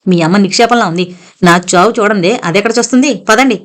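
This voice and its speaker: A woman's voice: medium pitch, quick pace, lightly acted. Woman reading as a sneering, harsh husband. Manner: sarcastic, harsh scolding. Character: sneering, violent middle-aged husband.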